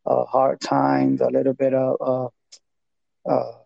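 A man in his thirties from Puerto Rico, an evangelist minister speaking English with a Puerto Rican Spanish accent, talking haltingly and repeating words as he searches for them in a casual interview. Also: mid-range voice, monotone, vocal fry, no room sound. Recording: dull lo-fi sound.

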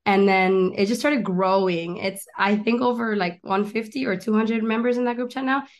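A woman's voice: mid-range voice, normal speed. Chatty young woman guest. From Miami and Argentina. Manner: chatty and eager, lists things, frequent restarts. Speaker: guest, actress and stand-up comedian. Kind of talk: casual interview chat.

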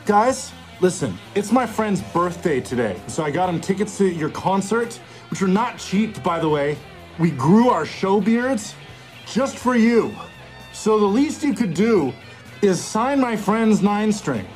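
Brash, higher-voiced rock superfan. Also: male voice, sing-song, a little slow, a little mellow, rough recording. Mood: insistent. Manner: casual, pushy, overfamiliar. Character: brash, oblivious, overfamiliar man, a rock superfan. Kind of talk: film comedy dialogue. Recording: faint music under film dialogue.

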